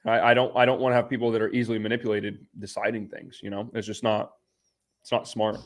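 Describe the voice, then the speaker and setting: A man's voice: on the low side, little pitch movement, fast. A man hosting a live stream, chatting off the cuff in a blunt, informal way with slangy asides. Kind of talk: casual unscripted live stream chat.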